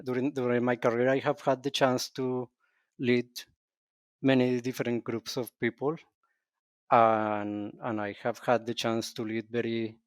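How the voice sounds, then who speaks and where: A man from Colombia, a podcast guest speaking in a thoughtful, measured way with some restarts. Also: mid-range voice, no echo, studio quality. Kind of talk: podcast interview.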